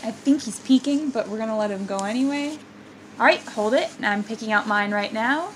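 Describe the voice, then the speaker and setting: A woman's voice: fairly high pitch, a little hiss or hum, low-quality recording. A woman co-hosting a podcast in casual, teasing banter. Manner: teasing, playful, quick banter. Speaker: podcast co-host. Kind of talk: casual chat.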